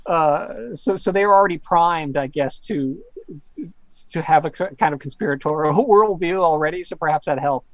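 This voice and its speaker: Here the same kind of speaker, a male professor appearing as a guest author, rambles through an interview anecdote full of fillers and stammered false starts. His voice is a little high and moves at normal speed. There's no room sound, though the lo-fi recording is slightly dull.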